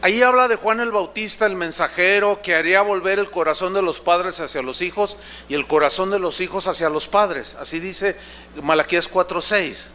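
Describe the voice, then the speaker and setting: A man's voice: high-pitched, moderate pace, pushed and bright. A middle-aged man preaching a sermon as pastor, telling a personal story with emotion and frequent restarts.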